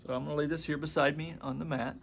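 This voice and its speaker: A man in his forties, a massage and meditation instructor, casually introducing a guided relaxation session in a rambling, conversational way with frequent pauses. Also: on the high side, steady tone, creaky, a little hiss or hum. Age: 40s. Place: room with a padded floor mat.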